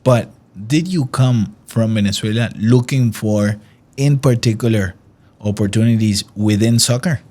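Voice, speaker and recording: A man hosts an interview in a somewhat low voice. He is encouraging and conversational, restarting and rephrasing his questions to draw the guest out. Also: unhurried, dark tone. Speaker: interviewer, host.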